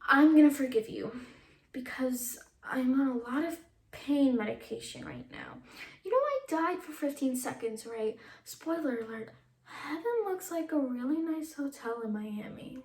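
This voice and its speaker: A young woman playing a sharp-tongued, self-assured teenage queen bee in a sardonic, blunt comic monologue. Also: high-pitched, sing-song, normal speed. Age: young adult. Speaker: student actor. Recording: echoey room.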